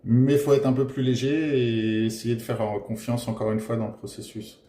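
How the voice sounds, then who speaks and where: A man giving a casual tarot reading to his viewers, gentle and encouraging, pausing often with filler sounds. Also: mid-range voice, level tone. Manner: hesitant, full of filler pauses. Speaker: tarot card reader. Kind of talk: casual tarot guidance monologue. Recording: roomy echoey room.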